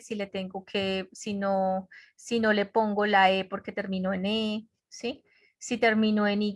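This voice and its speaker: Slow, patient woman teacher explaining. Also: mid-range voice, no echo. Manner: patient, repetitive explaining with frequent check-ins. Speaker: English teacher. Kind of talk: online class lecture. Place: home office on a web conference.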